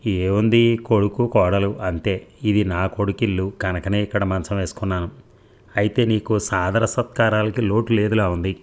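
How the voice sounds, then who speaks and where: A weary old father, resigned and quiet, in a storybook read aloud, as the narrator puts him on. The voice is low and deep throughout. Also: fairly even intonation, normal speed, lightly acted. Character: weary elderly father living with his son.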